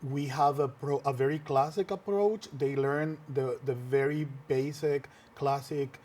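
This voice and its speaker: In a TV studio, a filmmaker and workshop teacher whose first language is Spanish answers interview questions earnestly, pausing and restarting often. His voice is medium-pitched with a darkish tone.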